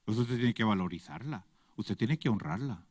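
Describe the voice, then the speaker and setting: A man's voice: lowish voice, animated, a little fast, a little mellow, husky, no echo, clean studio sound, big-room sound. A man preaching a sermon to a congregation, pressing them with rhetorical questions. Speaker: pastor. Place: church.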